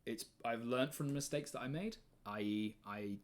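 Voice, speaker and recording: A man's voice: medium pitch, moderate pace. A man in his twenties with an English accent, hosting a live stream in casual chat, rambling, swearing freely and laughing often. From England. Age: 20s.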